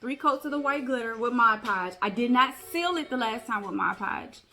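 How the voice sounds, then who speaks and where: Bright-voiced excitable crafting vlogger woman. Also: a little high, normal speed. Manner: chatty, excitable, addresses viewers as y'all. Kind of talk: casual crafting tutorial chat.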